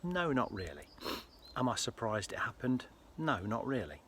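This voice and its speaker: A British man speaking casually to viewers in a personal health vlog, with an earnest, halting delivery. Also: medium pitch, big pitch swings, a bit bright. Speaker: health vlogger. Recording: faint ambient background noise.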